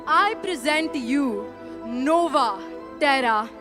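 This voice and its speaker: A stately, visionary chancellor , played by a woman, makes a measured speech before her council. The voice sits high and moves unhurriedly, and faint music plays underneath. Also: lively intonation. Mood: formal. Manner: formal, speech-like delivery. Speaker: student stage performer. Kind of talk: school stage play.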